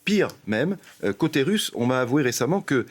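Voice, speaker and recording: A man with a French accent from France offers political news analysis as a commentator, his medium-pitched voice very animated at a moderate pace. He explains emphatically and addresses his listeners directly.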